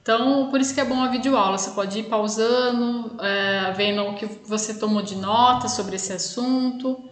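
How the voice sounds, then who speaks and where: Woman teacher, video lesson, fairly high voice, chatty, roomy echo. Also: fairly even intonation, moderate pace, hardly any pauses. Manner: chatty, with frequent tag questions.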